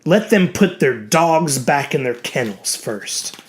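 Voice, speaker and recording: For a horror audio drama with music behind him, a man voices a petulant, self-righteous small-town reverend with a beast inside. Animated but slow, his mid-range voice preaches the character's own excuses in an indignant, brooding, scheming way.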